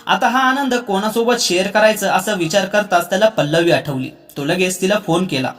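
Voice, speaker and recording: A high-voiced man narrating a scripted story, gentle and even. Faint music plays underneath. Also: normal speed.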